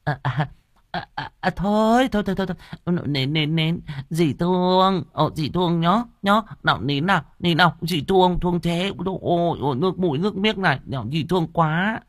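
A man voicing a cruel, shrill middle-aged stepmother who scolds fast and coaxes with fake sweetness. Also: no room sound, studio quality, lightly acted. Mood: fake coaxing. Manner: rapid nagging, fake sweetness when coaxing.

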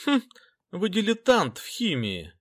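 A man's voice: a little high, sing-song, normal speed, voice pushed up. A man doing a haughty, scornful woman teacher. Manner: contemptuous, composed. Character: cool, haughty woman schoolteacher.

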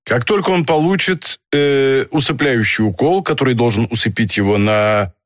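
Man reading a stern authoritative inspector, measured delivery, dry sound. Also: medium pitch, no room sound, lightly acted. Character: middle-aged male police inspector, stern.

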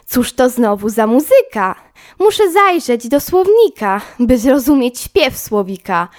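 A woman's voice: a little high, sing-song, unhurried, darkish tone. A woman voicing a cheeky little sparrow that scolds and chirps in a storybook poem. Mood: scolding.

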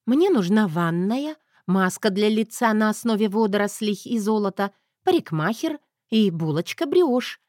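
A woman reading a first-person audiobook in a steady, wry storytelling manner. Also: medium pitch, moderate pace, dry recording, studio quality. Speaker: audiobook narrator.

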